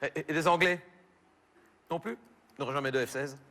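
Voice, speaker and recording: A Belgian French comedian on stage, doing one side of a phone call, stammering and bemused. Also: male voice, fairly high pitch, a little fast, pushed and bright, in a large hall. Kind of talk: stand-up phone sketch. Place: theater stage with audience.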